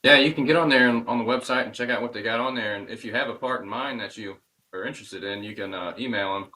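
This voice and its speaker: A man's voice: mid-range voice, fast talker, sharp tone, poor audio. A man from Kentucky, a podcast guest who talks about rides in an easygoing, plainspoken way. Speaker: podcast guest, motorcycle channel creator. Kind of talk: casual chat.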